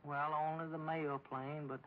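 In a muffled old radio recording of a 1940s comedy, an actor plays a meek, simple, dutiful small-town man with a rural Southern accent who reports earnestly and hesitantly. His natural, rather high voice is flat and a little slow, deferential and literal in manner. A slight hiss or hum is present.

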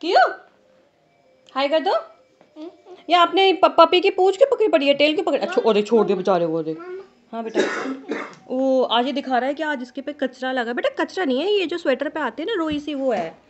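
A woman's voice: high-pitched, lively intonation, normal speed, dull audio. A middle-aged woman vlogging casually from her living room, chatting straight to the camera and calling her viewers "guys" while holding a phone at arm's length. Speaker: family vlogger. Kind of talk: casual vlog chat to viewers. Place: home living room, indoors. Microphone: phone held at arm's length.

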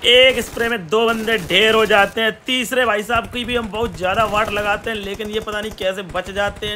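A man's voice: sits high, sharp tone, slight background noise. A man giving playful, rhyming comic commentary over his own gameplay. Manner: playful sing-song rhyming delivery. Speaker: gaming commentator.

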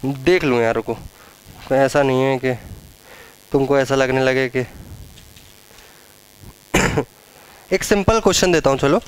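A young man teaches chemistry in a live lecture to a classroom of students, teasing them casually and drawing out the key terms he stresses. His mid-range voice is clear and resonant.

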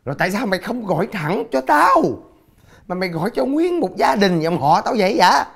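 Brief: an exasperated friend, swooping animated delivery, music and crowd behind. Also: male voice, sits high, brisk, gravelly, exaggerated voice. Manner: exasperated, scolding rants. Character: fed-up young man woken at night. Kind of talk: scripted comedy sketch acting.

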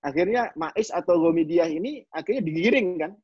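A husky-voiced man with an East Javanese accent teaches a hadith lesson in a chatty, repetitive way, often speaking straight to his listeners. His voice sits a little high for a man. The recording is dry and dull, with a lo-fi sound. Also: animated, fairly quick, dry recording. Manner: conversational, repeats key phrases, often addresses listeners as "Pak". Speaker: religious teacher. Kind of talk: hadith study lecture.

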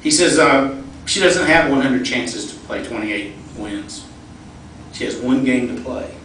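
In a large event hall, a middle-aged man tells personal, folksy stories during a fundraising speech. His medium-pitched voice is fairly bright, with measured pacing and fairly even intonation. The distant mic picks up hall echo and faint noise.

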